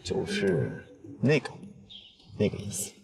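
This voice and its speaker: A man's voice: on the low side, wildly swooping pitch, slow, gravelly, recorded from a distance, very noisy, heavily acted. An actor in his twenties playing a doting young company boss and playfully romantic husband in a drama. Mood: romantic, coaxing. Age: 20s.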